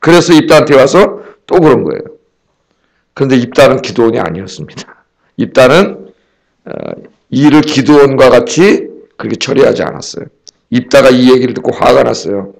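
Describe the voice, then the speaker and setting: A man's voice: medium pitch, animated, a little fast, creaky. A male pastor giving a conversational dawn-service sermon, often asking the congregation questions and acting out quoted speech. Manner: conversational preaching, acts out quoted lines with raised angry voice; asks the congregation questions, tag words like "ye?" and "eo?".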